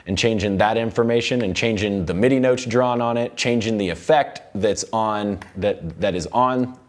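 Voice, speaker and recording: In an indoor recording studio, a man with a lowish voice gives an informal music production tutorial at a moderate pace. He rambles loosely and thinks aloud while he works.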